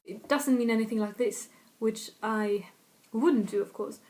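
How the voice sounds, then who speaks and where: In this casual video lesson, a language tutor from north of Stockholm repeats example phrases and chats easily in a slightly northern Swedish accent. Her voice sits on the high side with a darkish tone, and she speaks a little slowly.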